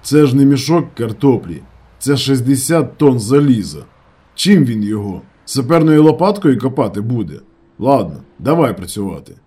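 A man's voice: mid-range voice, expressive, moderate pace, warm tone, breathy edge. A man doing a grumpy injured garage worker. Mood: irritated. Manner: irritated, blunt.

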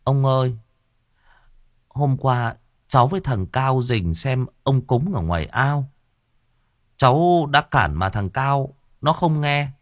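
A man voicing a frightened young village boy who stammers and pleads in a high voice in an audiobook. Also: a bit bright, dry recording, studio quality.

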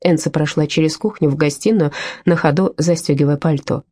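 A woman reads a novel aloud at an even, measured pace. Her voice sits low and mellow, with a soft husky grain. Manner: measured storytelling. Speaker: audiobook narrator. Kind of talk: scripted narration.

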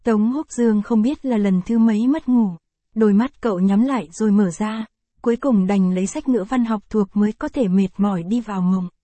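A woman narrating an audio novel in a steady, even storytelling manner. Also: medium pitch, moderate pace, no echo.

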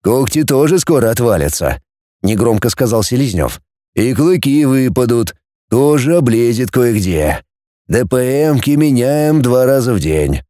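A man's voice: medium pitch, sing-song, measured pace, warm tone, no echo, clean studio sound. A man doing a chatty young medic. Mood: cheerful. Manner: chatty, boastful.

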